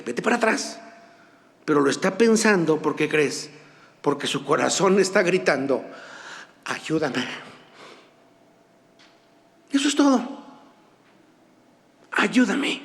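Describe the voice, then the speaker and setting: Impassioned preacher, high voice, echoing church. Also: male voice. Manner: impassioned preaching, swinging from loud urgent peaks to soft low asides. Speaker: pastor. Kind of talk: sermon. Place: church sanctuary.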